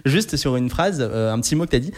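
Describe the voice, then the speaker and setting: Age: adult. Sex: man. Role: radio talk host. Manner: quick, lively, chatty. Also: mid-range voice. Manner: lively, chatty, joking with himself. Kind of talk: live radio talk show. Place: radio studio.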